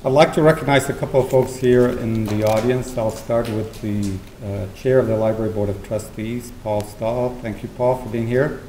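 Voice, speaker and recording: At a podium, a middle-aged man delivers formal welcome remarks, thanks, and introductions to a seated audience in a large indoor meeting hall, speaking in a halting, measured manner. His voice is mid-range and steady, picked up by a gooseneck podium microphone with roomy auditorium acoustics and faint noise.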